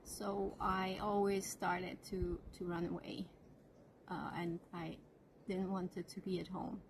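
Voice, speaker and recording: Slow soft-spoken woman. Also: on the low side, level tone, slight background noise, low-quality recording. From Austria. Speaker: channel host. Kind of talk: personal life story told to camera.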